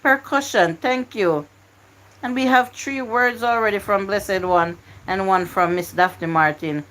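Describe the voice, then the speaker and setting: Slow, coaxing woman hosting a live stream. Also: mid-range voice, fairly bright tone, low-quality recording. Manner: coaxing, pleading with viewers. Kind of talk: live stream word game with chat.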